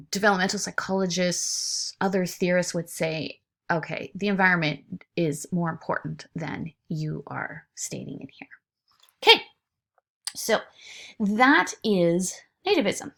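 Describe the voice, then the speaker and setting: A woman lecturing informally to her students, with frequent fillers and restarts. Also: mid-range voice. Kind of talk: recorded online lecture.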